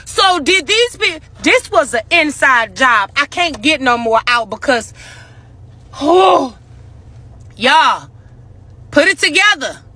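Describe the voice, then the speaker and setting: Woman, out of breath, urgent conspiratorial rant, high bright voice, dry sound in a car. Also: very animated, slow, long pauses, no room sound. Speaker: social media commentator. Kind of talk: ranting to camera. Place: parked car.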